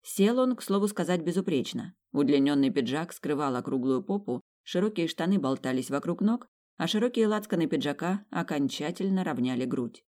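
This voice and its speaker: A woman reads an audiobook aloud, telling a story in the first person. Her storytelling is wry and lively. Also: low-pitched, brisk. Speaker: audiobook reader. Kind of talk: first-person narration of a fantasy romance.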